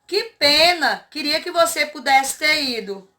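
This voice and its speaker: A woman reading aloud the lines of a schoolboy asking a friend why she missed the party, in a slow exercise-reading manner. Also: sits high, lively intonation, pushed and bright, heavily acted. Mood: plain. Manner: read aloud slowly from an exercise.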